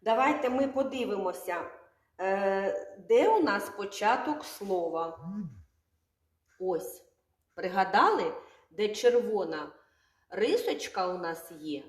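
A woman teaching young children their first letter sounds, stretching words out slowly and asking the class questions. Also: medium pitch, lively intonation. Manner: slow, drawn-out sounds, asks children questions. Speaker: kindergarten teacher. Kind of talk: literacy lesson for young children. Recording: echoey room, from far off.

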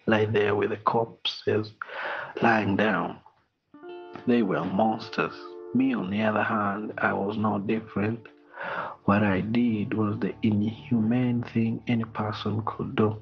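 A middle-aged Rwandan man reading a personal apology in a slow, solemn, measured way, heard over muffled video call audio. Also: lowish voice. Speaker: interview guest.

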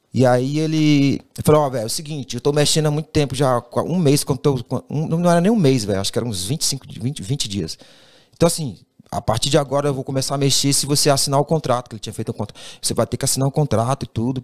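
Fast-talking man telling a story. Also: medium pitch. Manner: animated, acts out quoted dialogue, says "velho" constantly. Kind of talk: casual storytelling.

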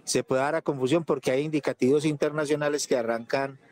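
Man, slightly high voice. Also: steady tone, fast, darkish tone. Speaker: participant. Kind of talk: group discussion comment.

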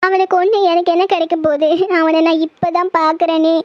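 A woman's voice: extremely high pitch, flat delivery, fairly quick, no room sound. A woman voicing a grief-stricken young woman doctor, tearful and shaken, in a horror audio drama. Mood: distraught. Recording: dull lo-fi, dry.

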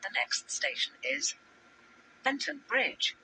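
A woman's voice as an automated onboard train announcer, her words spliced together from separate recordings into measured, clipped phrases. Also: high voice, very animated, background noise.

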